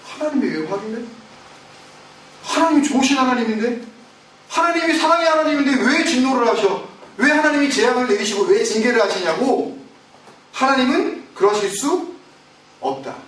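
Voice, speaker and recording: A high-voiced man preaches a sermon, his pitch leaping widely as he fires questions at the congregation. He sounds far from the mic in a very echoey church, with faint ambience behind him. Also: lively intonation, moderate pace, pauses often, fairly bright tone, slight background noise. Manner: acts out quoted complaints with raised pitch. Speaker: pastor. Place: church sanctuary. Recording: very echoey room, voice from a distance.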